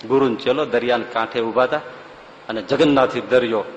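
A man's voice: medium pitch, fairly even intonation, fairly quick, muffled recording, slight background noise. A man giving a devotional discourse, telling stories animatedly and breaking into sung verses. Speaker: spiritual discourse speaker. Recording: echoey hall with faint ambience.

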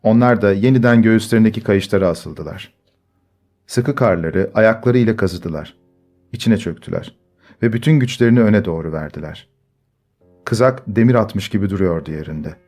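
A man reading a story aloud in measured scripted narration. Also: lowish voice, darkish tone. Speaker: audiobook narrator. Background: faint music.

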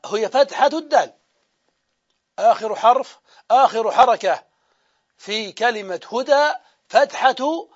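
A man teaching a classroom grammar lesson. He explains step by step, asks his own questions and answers them, and draws out example words as he repeats them. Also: very high voice. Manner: drawn-out repetition of example words. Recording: dull lo-fi lecture recording.

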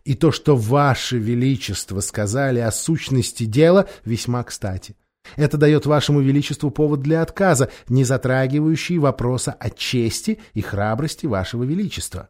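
Male reader doing a sly, quiet storybook lord, low and conspiratorial. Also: normal speed, lightly acted. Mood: scheming. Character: scheming soft-spoken lord, adult man.

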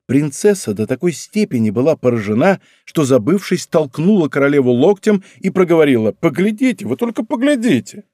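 A man narrating a historical novel as an audiobook in a measured, scripted storytelling manner, close to a studio microphone. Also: on the high side, mellow, no room sound. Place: recording studio.

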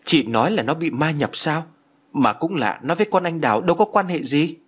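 A tactless young country man who speaks bluntly, as the narrator plays him. His voice is husky and lively. It comes from a spoken audio story. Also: a little high, a little fast, pitched above the performer's own voice. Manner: blunt, matter-of-fact.

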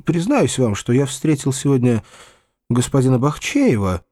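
A man voicing an earnest young gentleman who questions and reasons with his uncle. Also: medium pitch, big pitch swings, moderate pace, dry recording, clean studio sound. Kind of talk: audiobook character voice.

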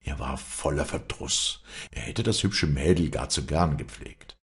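Male audiobook narrator, deep voice with gravel, lively delivery. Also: unhurried. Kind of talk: scripted narration.

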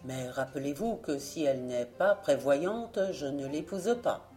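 A woman voicing a calm, firm young man courting a bride. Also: low voice, unhurried, soft background music, voice pushed down. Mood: firm measured.

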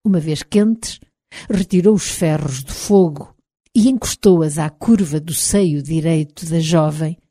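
A woman with a European Portuguese accent narrating an audiobook in the first person, in a measured, expressive reading. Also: low voice, husky, dry recording.

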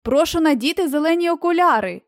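A woman's voice: a little high, lively intonation, normal speed, darkish tone, dry recording, clean studio sound, lightly acted. A woman reading a stern male gatekeeper. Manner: strict, formal. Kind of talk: audiobook reading.

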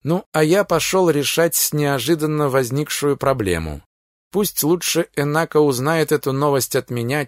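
A man narrating a science-fiction audiobook in steady first-person storytelling, recorded close on a studio mic. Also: on the high side, no echo.

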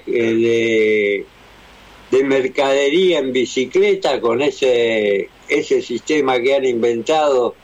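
A man with an Argentine accent and a mid-range, darkish voice chats casually on the radio, telling anecdotes. The broadcast sound is dull.

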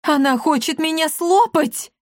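A woman's voice: on the high side, darkish tone, no echo, clean studio sound, natural voice. A woman voicing a sly male talking cat who is frightened and pleading. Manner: pleading and fast when scared.

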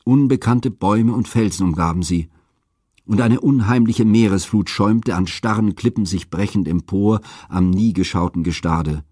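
A man narrating classical myths as an audiobook reader, with a steady, expressive delivery. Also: fairly low pitch, normal speed, slightly rough, no echo, clean studio sound.

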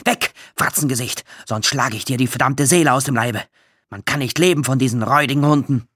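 A man voicing a bad-tempered old male coffin maker in a read-aloud story, shouting coarse threats. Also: medium pitch, a little fast, slightly rough, dry recording, studio quality. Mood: furious.

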